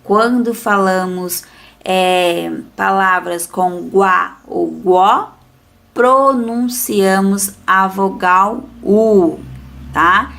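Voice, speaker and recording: Woman teacher, slow and careful, bit of vocal fry, reads the words out one by one. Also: mid-range voice, fairly bright tone. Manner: slow, careful, drawn-out word-by-word reading; speaks about herself as "a professora". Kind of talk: recorded elementary Portuguese spelling lesson.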